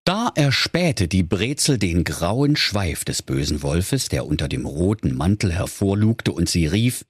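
Husky, lower-voiced male storyteller, lively delivery, dry close sound, spoof fairy tale. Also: a little slow, no echo. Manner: mock-storyteller, addressing children with deadpan asides. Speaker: narrator. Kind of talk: comic fairy-tale narration.

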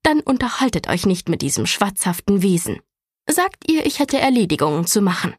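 A woman's voice: medium pitch, big pitch swings, brisk, breathy edge, no room sound, clean studio sound. A woman voicing a strict middle-aged aunt who scolds and gives curt orders. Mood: commanding. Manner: commanding, scolding.

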